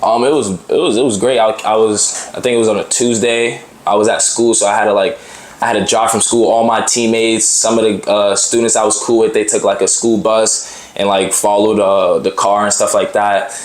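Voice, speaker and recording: A man's voice: lowish voice, fairly quick, reverberant, poor audio. A young man from Boston, a college basketball player, chatting loosely with lots of slang and fillers as an interview guest. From Boston, Massachusetts. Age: young adult. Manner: relaxed, loose slangy talk with many fillers. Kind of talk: casual interview chat.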